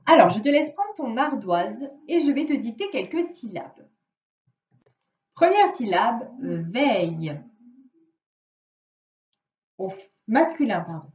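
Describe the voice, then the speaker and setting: Female teacher, slow lively dictation, high voice, echoey dull distant recording. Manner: slow, careful, drawing out words to dictate. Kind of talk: remote reading and spelling lesson for a child. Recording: echoey room, distant mic, dull sound.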